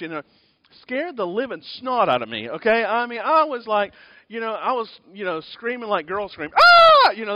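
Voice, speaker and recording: A man preaching a sermon, telling stories in an animated, rambling way with many fillers and restarts. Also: high-pitched, no echo, highs cut off.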